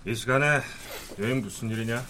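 A man playing a gruff, teasing middle-aged friend in a radio drama. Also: medium pitch, fairly quick, noisy background, close to an everyday voice. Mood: mocking. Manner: gruff, mocking.

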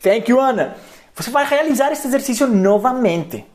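A man's voice: very high voice, expressive, moderate pace, darkish tone. A man, giving a chatty, playful live English lesson as a coach. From Colombia. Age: 30s. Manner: playful, chatty, peppers talk with tag questions. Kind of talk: live-streamed language lesson.

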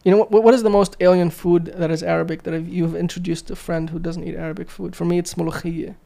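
A man hosting a podcast in casual chat, blunt and quick, swearing freely. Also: sits high, little pitch movement, gravelly, warm tone. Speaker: podcast host.

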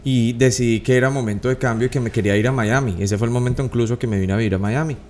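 A man in a relaxed podcast conversation. He has a mid-range male voice and tells his stories earnestly, padding them with fillers. A faint room hiss sits under him. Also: medium pitch, racing. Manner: earnest storytelling with many fillers like pues. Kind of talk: casual chat.

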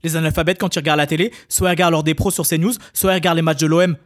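A man's voice: on the high side, steady tone. A French man hosting a comedy podcast, sarcastic and full of asides. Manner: sarcastic, rapid, peppered with hein and tu vois. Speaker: podcast host. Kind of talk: scripted comedy monologue.

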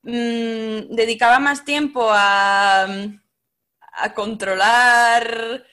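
A woman's voice: fairly high pitch, steady tone, very slow, pushed and bright. A woman, a teacher speaking as a podcast guest, thoughtful and often hesitating. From Spain. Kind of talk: casual interview talk.

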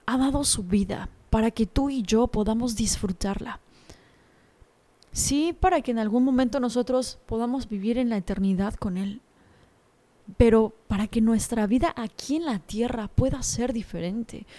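Young woman, devotional talk, earnest and confiding, mellow voice, slightly high.

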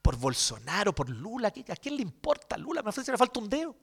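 A man with a Chilean accent, a pastor preaching a sermon in an animated, joking, colloquial way. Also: sits high, fast, creaky, husky.

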